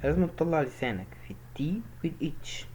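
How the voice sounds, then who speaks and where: A man with an Egyptian Arabic accent teaching English pronunciation, repeating each word slowly and emphatically as a drill. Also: fairly high pitch, sing-song, a little mellow, slight background noise, poor audio. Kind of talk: pronunciation lesson.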